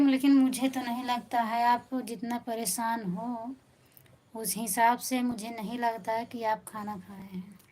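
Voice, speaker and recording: A woman with an Awadhi accent hosts a casual live stream from home, speaking into her phone. Her voice sits a little high and stays flat and even. She talks at an unhurried pace, reads out viewers' comments and keeps repeating friendly greetings. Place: at home indoors.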